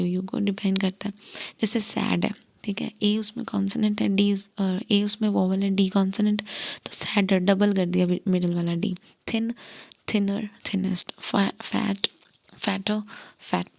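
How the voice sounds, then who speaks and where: A woman's voice: medium pitch, creaky, a little mellow. A woman teaching English grammar in Hindi, working through examples step by step and dropping to a whisper on example words.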